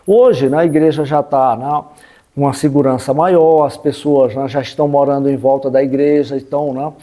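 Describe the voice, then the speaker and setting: A man originally from Sergipe's backlands in Northeastern Brazil, with the matching accent, explains local history spontaneously and didactically, frequently using check-in tags. His mid-range voice is warm, his intonation fairly even, and his speed normal.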